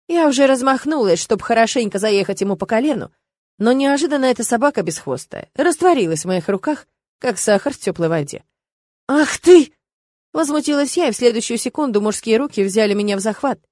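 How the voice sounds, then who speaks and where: A woman giving expressive first-person narration of a fantasy audiobook. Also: fairly high pitch, fast, dry recording.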